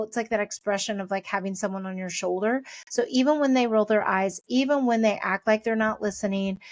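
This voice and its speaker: A middle-aged woman hosting a parenting podcast, giving a chatty, encouraging pep talk and talking things through out loud. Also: medium pitch, no echo.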